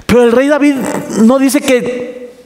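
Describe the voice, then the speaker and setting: A male pastor preaching a sermon, asking the congregation questions and shouting for emphasis. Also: very high-pitched, fairly even intonation, measured pace, in a large hall. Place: church hall.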